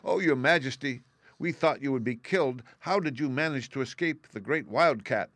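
A man's voice: medium pitch, normal speed, a bit bright, dry recording, voice pushed up, close to an everyday voice. A man voicing a group of anxious little field mice speaking to their queen.

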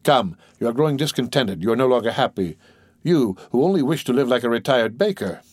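A man's voice: mid-range voice, expressive, fairly quick, husky, no room sound, clean studio sound. A man voicing a curt, irritable young man in an audiobook. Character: ill-tempered young man.

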